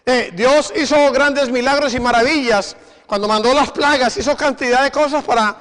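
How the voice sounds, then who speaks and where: A man's voice: very high voice, steady tone, normal speed, a bit bright. A male preacher giving a sermon, exhorting his congregation and firing rhetorical questions at them. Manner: exhorting, repeats "imagine". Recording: long reverb of a hall.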